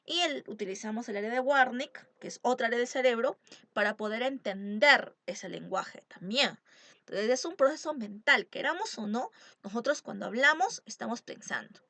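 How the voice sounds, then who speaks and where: A woman's voice: fairly high pitch, expressive, moderate pace, a bit bright, no echo. A woman teacher giving an exam-prep lecture, stressing key terms and asking rhetorical questions. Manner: emphatic, asks rhetorical questions.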